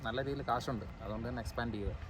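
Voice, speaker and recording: Very fast-talking Malayali man, English mixed in. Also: mid-range voice. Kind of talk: casual chat. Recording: noisy outdoors with traffic ambience.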